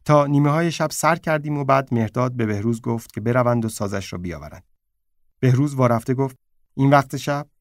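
A man reading a short story aloud in a subdued, low-key way. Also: dry recording, studio quality. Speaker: narrator.

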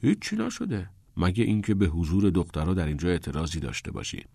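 A man's voice: deep voice, big pitch swings, creaky, dark tone, breathy edge, dry recording, clean studio sound, voice pushed down, heavily acted. A man voicing a cocky, rebellious teenage schoolboy, cool and self-assured with a teasing edge.

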